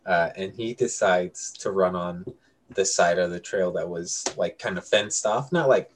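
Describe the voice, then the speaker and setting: A young adult man, a podcast co-host, tells a story casually to friends, rambling and correcting himself along the way. His voice sits low and his pace is measured, with a little hiss or hum in the audio.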